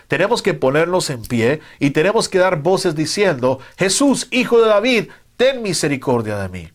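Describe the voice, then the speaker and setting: A man preaching a sermon in a fervent, emphatic way, with some hesitant fillers between his points. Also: a little high. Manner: fervent, rising to loud emphatic retellings.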